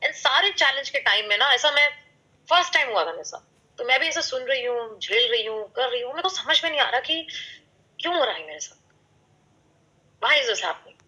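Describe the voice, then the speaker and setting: Bright-voiced woman giving a motivational talk. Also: high voice, expressive, a little fast, pauses often, poor audio. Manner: mixes Hindi and English, asks the audience questions; uses sound words and vivid examples. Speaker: speaker at a business meeting.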